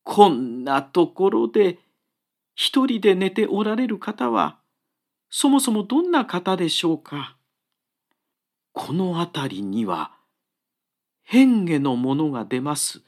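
A man's voice: mid-range voice, sing-song, slow pace, creaky, long pauses, full character voice. A man voicing an earnest, humble woodcutter who speaks politely and urgently, begging a traveller to come with him. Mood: alarmed. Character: anxious earnest male woodcutter, humble and pleading.

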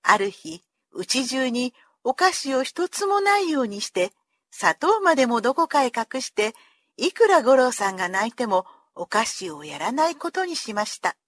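Expressive woman reading a children's story. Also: a little high, moderate pace, no echo. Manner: expressive, voices the characters.

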